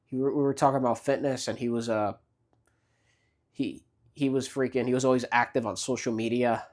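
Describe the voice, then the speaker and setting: A man's voice: mid-range voice, steady tone, normal speed, a little mellow. A man in his late twenties giving casual motivational advice, rambling with many fillers and restarts. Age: 20s. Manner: frequent restarts and repeated words. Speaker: vlogger.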